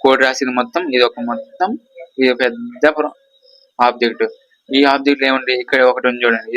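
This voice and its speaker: Fast, bright-voiced man teaching code. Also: mid-range voice, no echo, poor audio. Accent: Telugu. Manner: explains by pointing and repeating, with checking questions. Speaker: course instructor. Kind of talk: screen-share coding lesson.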